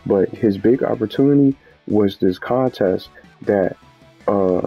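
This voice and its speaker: A man's creaky voice, on the low side with a breathy edge, comes a little slowly as he hosts a gaming video. The commentary is unscripted and casual, rambling, repetitive and self-correcting. The recording is muffled, with music in the background.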